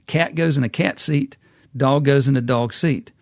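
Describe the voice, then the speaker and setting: A man's voice: medium pitch, normal speed, no room sound, clean studio sound. A middle-aged man, hosting a casual business talk and acting out quotes as a folksy storyteller. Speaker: podcast host.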